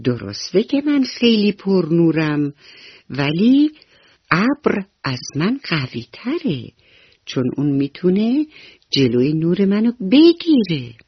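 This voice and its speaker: A kindly sun lady, voiced by a woman narrator, gently explains herself in a children's radio story. The voice is slightly husky and close. The recording is a bit dull. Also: lowish voice, big pitch swings, dry recording. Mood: gentle. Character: bright, proud but honest sun lady.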